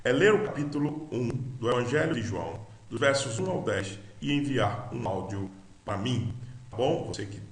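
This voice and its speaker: A man's voice: medium pitch, expressive, normal speed, roomy sound. A man with a Brazilian Portuguese accent teaches a Greek lesson, spelling out each letter and sound and having the listener repeat after him. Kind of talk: slow recorded language lesson.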